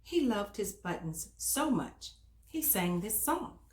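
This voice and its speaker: A woman reads a children's book aloud as host, talking directly to young listeners in an expressive, emphatic way. She has a mid-range voice and keeps a slow pace.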